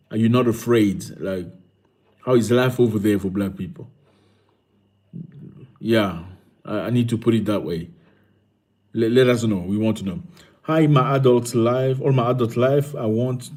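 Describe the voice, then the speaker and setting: A man hosts a live stream, reading out viewers' messages one after another and thanking each by name. His voice sits a bit low and sounds dark and mellow. He talks in a relaxed, chatty way. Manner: reads viewer comments aloud, warm greetings and thanks. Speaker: livestream host. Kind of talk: casual livestream chat greeting viewers.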